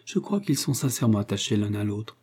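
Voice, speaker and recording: A man reading a novel aloud, voicing a lively, quick-witted young woman in his own low voice. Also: breathy edge. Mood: polite. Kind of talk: audiobook character reading.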